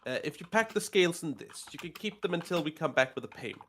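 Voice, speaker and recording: A man's voice: a little high, lively intonation, fast, fairly bright tone. A game master voicing a wary, practical male rabbitfolk guard in a tabletop game, speaking in a matter-of-fact, cautionary way. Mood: cautioning.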